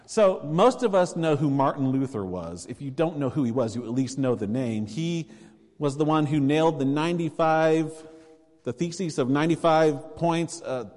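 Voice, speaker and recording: A man's voice: a little high, a little mellow. Earnest male pastor in a reverberant sanctuary. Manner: earnest, conversational, with emphatic exhortations. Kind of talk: sermon. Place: church sanctuary. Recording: long reverb of a church sanctuary.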